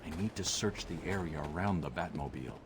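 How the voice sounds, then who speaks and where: A grim masked detective voiced by a man, extremely deep and clipped, muttering terse observations. Loud noise hisses beneath the game audio. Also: quick pace, close to an everyday voice.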